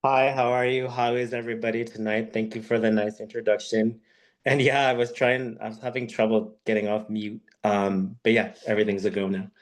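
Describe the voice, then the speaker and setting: On a video call for an online webinar, a man in his thirties, Peruvian-born and Quebec-raised, shares a personal talk as a guest speaker. He speaks slowly and haltingly in a very low, rather flat voice.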